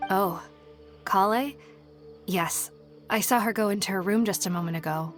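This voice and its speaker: A woman voicing a calm village woman greeting travelers in a plain manner. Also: mid-range voice, moderate pace, soft background music, close to an everyday voice.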